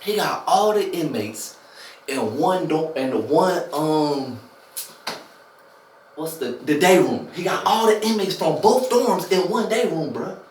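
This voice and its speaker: Animated young man telling a story. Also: fairly high pitch, unhurried. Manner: animated slang-heavy storytelling, acts out quotes. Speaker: former inmate telling a story. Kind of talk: casual storytelling chat. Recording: echoey room, mic at a distance, faint hiss.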